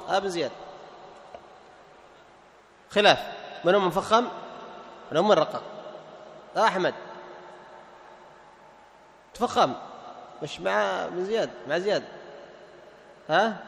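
A man teaching a tajweed class, asking his students questions, answering them and slowing down to recite examples. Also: sits high, fairly bright tone, roomy sound, long reverb tail.

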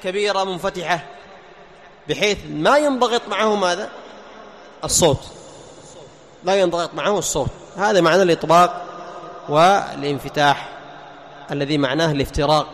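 High-voiced man teaching Quran recitation. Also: a bit bright. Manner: asks questions and answers them himself; chants verses slowly as examples. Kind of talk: tajweed lesson explaining letter articulation. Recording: long hall reverb, faint background noise.

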